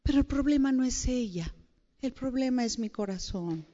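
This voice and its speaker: A woman with a fairly high voice preaches to a room full of women, playful and animated, throwing questions at her audience. Her voice is a little dull and carries a long reverb from the large hall around her. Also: normal speed. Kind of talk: lively conversational sermon.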